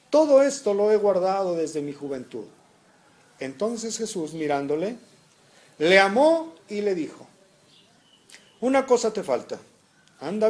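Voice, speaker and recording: Man, preacher, sermon, high voice, lively rising-and-falling delivery. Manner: asks the congregation questions, reads scripture aloud.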